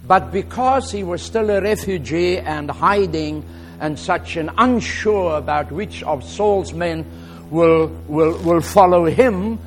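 With faint music behind him, a high-pitched male guest preacher gives a relaxed, hesitant sermon packed with fillers. He has a South African accent, Afrikaans is his first language, and he gets louder whenever he reads scripture aloud.

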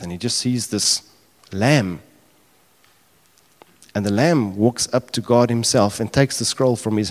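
A man's voice: on the low side, darkish tone. A man preaching a sermon with passion, building to emphatic cries as he retells the scene. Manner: passionate preaching, rising to emphatic cries when voicing prayers. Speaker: pastor. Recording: long reverb of a large hall.

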